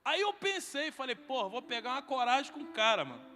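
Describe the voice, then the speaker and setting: Very high and sing-song, with a bright, forceful tone, this Brazilian-Portuguese-accented man speaks a little fast while telling a funny story in his sermon, acting out every line of dialogue. The setting is a large hall at a men's congress, reverberant and carrying faint music.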